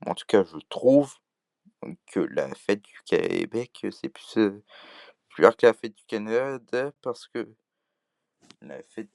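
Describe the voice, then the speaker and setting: Québécois guy vlogging, low gravelly voice, lots of uhs, dry close sound. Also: very animated, takes it slowly, long pauses, a little mellow, no echo. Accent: Québécois French. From Quebec. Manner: hesitant, many fillers and restarts. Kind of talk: casual vlog talk to camera.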